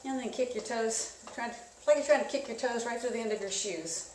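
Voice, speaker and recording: A woman instructing an indoor spin class in a casual, conversational coaching style, giving gently encouraging cues. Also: on the high side, brisk. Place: indoors, echoey room. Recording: echoey room, distant mic, clear noise.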